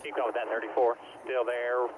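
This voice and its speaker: A man's voice: medium pitch, level tone, a little fast, a crowd in the background. A man spotting for a race driver, giving short, repetitive position calls over a two-way radio. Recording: noisy two-way radio transmission.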